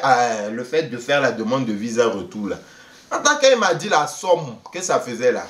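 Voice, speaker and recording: Animated man. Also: mid-range voice, recorded from a distance. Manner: lively, laughs often, acts out quoted people. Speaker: vlogger telling a travel story. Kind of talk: animated casual storytelling. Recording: roomy echo, voice away from the mic.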